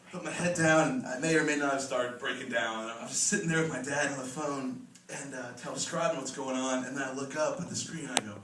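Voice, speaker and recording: A man's voice: medium pitch, steady tone, a bit bright. Nervous young man, echoey amateur stand-up. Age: young adult. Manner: nervous stage fright, halting and stumbling. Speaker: first-time amateur stand-up comedian. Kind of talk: stand-up comedy monologue at an open mic. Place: open mic venue before an audience. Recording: echoey room, distant mic, clear noise.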